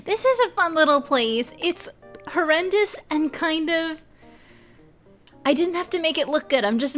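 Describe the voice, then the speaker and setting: A woman's voice: sits high, a bit bright. A young woman streaming a game, chatting casually with her viewers, giggling often. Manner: giggly, chatty, talks to chat. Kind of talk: casual live game commentary.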